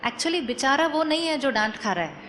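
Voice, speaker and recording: Calm woman giving a spiritual talk. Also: high voice, normal speed, slight background noise. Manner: calm, persuasive, asks the audience questions and mixes in English phrases. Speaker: spiritual speaker. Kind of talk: spiritual talk to a live audience.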